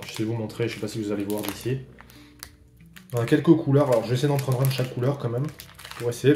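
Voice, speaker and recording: For his food-tasting vlog, a man from France samples snacks, talking casually, swearing now and then and thinking out loud between bites. He has a medium pitch, and there's background noise along with roomy echo and faint ambience.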